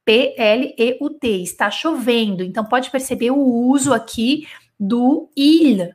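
A woman's voice: on the high side, unhurried. A woman teaching a live French dictation lesson, explaining patiently and checking in with her students often. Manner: explains patiently, switching between Portuguese and French examples; animated, with frequent checks like "né?" and "d'accord?".

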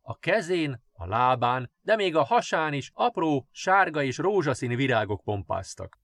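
A man's voice: medium pitch, very animated, fairly bright tone, dry recording. Man reading a children's story. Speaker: audiobook narrator. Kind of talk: storybook narration.

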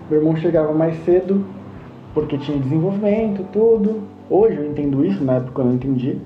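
A man telling a personal testimony in an earnest way, acting out the dialogue he remembers. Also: fairly high pitch. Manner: earnest, acts out quoted dialogue. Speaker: storyteller. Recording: roomy, dull lo-fi sound with faint guitar.

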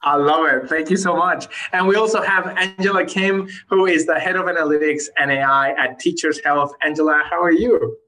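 A man's voice: a little high, fairly even intonation, normal speed, hardly any pauses, sharp tone, low-quality recording. A man hosting a podcast interview, speaking in a friendly way with frequent restarts. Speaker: podcast host.

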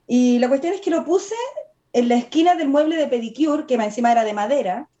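A Chilean woman, a nail artist and tattooist, telling funny anecdotes in casual chat, animated and laughing as she goes. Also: high voice, brisk. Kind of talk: casual storytelling. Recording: muffled lo-fi audio.

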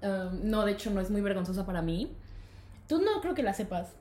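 A young woman with a Mexican Spanish accent, co-hosting a casual podcast and telling stories in a giggly, animated way. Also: mid-range voice, a little fast, reverberant. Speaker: podcast co-host. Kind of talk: casual chat.

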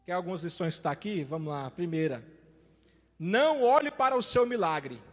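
A man preaching a sermon as an evangelist, impassioned, repeating phrases and swinging between loud declarations and quiet asides. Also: high-pitched, expressive, normal speed, long reverb tail, soft background music.

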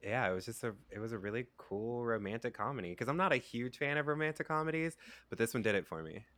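A man hosting a podcast, chatting in a relaxed way with laughter and loose fillers. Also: medium pitch, fast. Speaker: podcast host. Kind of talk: casual chat.

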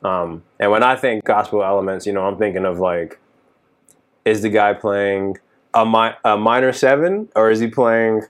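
A man's voice: fairly low pitch, moderate pace. A man in his thirties from Texas, a working musician, chatting casually and rambling with lots of fillers. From Dallas, Texas. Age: 30s. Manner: relaxed, rambling, many fillers like "you know". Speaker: touring keyboard musician. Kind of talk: casual podcast chat.

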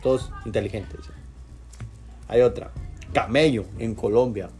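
A man's voice: medium pitch, unhurried, a little mellow, soft background music. A man with a Guatemalan accent co-hosting a casual chat, joking and often talking straight to the listeners. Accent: Guatemalan Spanish. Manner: jokey, laughs often, addresses listeners. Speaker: podcast co-host.

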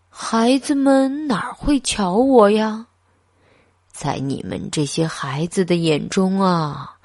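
A woman voicing a lonely retired old man who speaks slowly, low and sighing. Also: gravelly, darkish tone, husky, no echo, studio quality, heavily acted.

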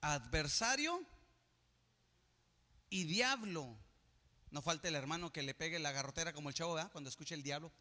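A man preaching a sermon as pastor, building to loud emphatic peaks. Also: a little high. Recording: reverberant church hall.

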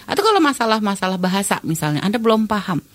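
A middle-aged woman giving Islamic advice in a conversational talk, speaking directly to the listener and telling lively personal stories. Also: medium pitch, quick pace, no echo. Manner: direct, addresses listener as "Anda"; animated anecdotal storytelling.

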